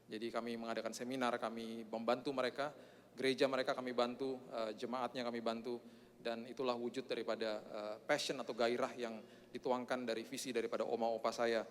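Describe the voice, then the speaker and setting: A man's voice: mid-range voice, little pitch movement, fairly quick, a little hiss or hum. A male pastor preaching a sermon with a joking, self-mocking manner and frequent "eh" fillers. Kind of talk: sermon with prayer. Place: church hall. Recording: long church hall reverb.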